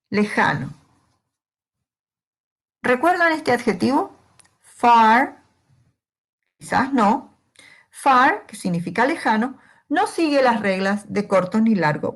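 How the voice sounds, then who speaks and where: Female language teacher, unhurried, patient, asks the class questions and answers them herself. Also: medium pitch. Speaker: English teacher. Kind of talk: slow, step-by-step grammar lesson.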